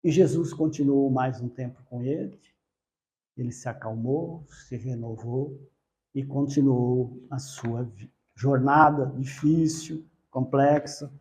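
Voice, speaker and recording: A man telling a religious story in a spiritist study talk, unhurried, with occasional self-corrections. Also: medium pitch, darkish tone.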